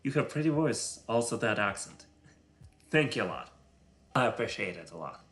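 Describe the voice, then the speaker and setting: A man whose first language is Russian, speaking English with a Russian accent while thinking aloud on a live coding stream, halting and full of filler sounds. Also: lowish voice, big pitch swings, fairly bright tone. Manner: halting, many filler sounds, muttering to himself; self-conscious about his English voice.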